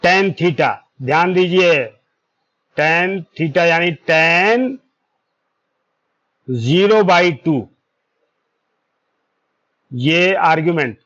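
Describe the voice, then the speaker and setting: A man with a somewhat high voice works through a maths lesson at a very slow, deliberate pace. He draws out each formula term and keeps pausing to check that his students follow. The recording is dull and lo-fi. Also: fairly bright tone. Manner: slow, deliberate explaining, stretching out formula terms, checks in with "ठीक है"; corrects himself aloud mid-formula. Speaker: maths teacher. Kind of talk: whiteboard lesson.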